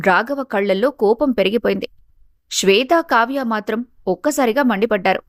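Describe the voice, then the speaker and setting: A fairly high-voiced woman storyteller reads a scripted family story in an even, steady manner. The recording is close and bone-dry, with no echo at all.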